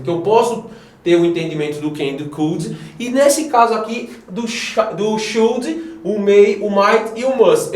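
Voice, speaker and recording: Animated Brazilian man teaching a class. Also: sits high, roomy sound. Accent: Brazilian Portuguese. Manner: animated, addresses students directly with frequent checks. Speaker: English teacher. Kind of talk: classroom lesson explaining grammar.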